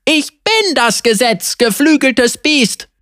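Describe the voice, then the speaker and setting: A woman's voice: high voice, very animated, slow, a bit bright, no room sound, clean studio sound, full character voice. A woman voicing a cruel, arrogant male king who speaks in a haughty voice.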